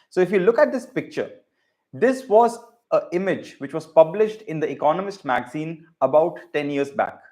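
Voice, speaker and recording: Higher-pitched man with an educated Indian accent. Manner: explanatory, checks in with frequent "right?". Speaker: data science teacher. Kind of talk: informal lecture to camera.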